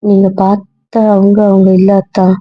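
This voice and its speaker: A woman's voice: mid-range voice, completely flat delivery, moderate pace, close to an everyday voice. A young woman playing an anxious, guilt-ridden young wife who pleads and apologizes over and over, in a Tamil audio drama role-play. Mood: fearful. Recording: dull lo-fi recording, dry.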